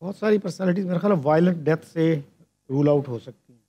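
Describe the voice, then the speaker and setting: A man's voice: fairly high pitch, fast talker, warm tone, breathy edge. An older man on a TV quiz panel, thinking aloud over clues and slipping English phrases into his talk. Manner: thoughtful, mixes in English phrases. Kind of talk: TV quiz banter. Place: TV studio set, indoors.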